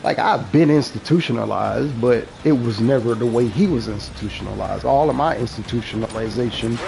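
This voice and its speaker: A man's voice: medium pitch, a little fast, vocal fry, background noise. A man in casual, profane storytelling chat who acts out the people in his stories as he talks. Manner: profane, animated, acts out quoted dialogue.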